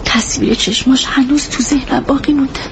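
An earnest female witness in a radio drama dub, telling her story in careful detail out of loyalty to her friend. Her voice sits somewhat high. Her manner stays sincere and steady. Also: creaky, background noise. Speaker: witness giving a statement.

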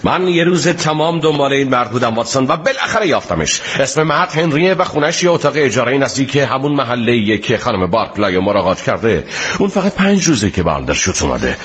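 An actor playing a shrewd male detective who questions a witness in a calm, measured, courteous way, in a radio drama dub. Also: medium pitch, breathy edge. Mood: eager, pleased.

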